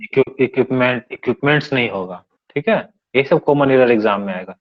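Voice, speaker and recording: A man's voice: mid-range voice, fairly quick. Man teaching grammar in a lo-fi recording. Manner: explains step by step, checks understanding often. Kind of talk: classroom grammar lesson. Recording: dull lo-fi recording.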